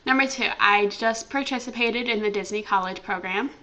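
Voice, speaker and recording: A woman's voice: mid-range voice, normal speed, bright, forceful tone, rough recording. A young American woman vlogging casually at home, chatty and full of ums and likes. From United States. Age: young adult. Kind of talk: casual chat.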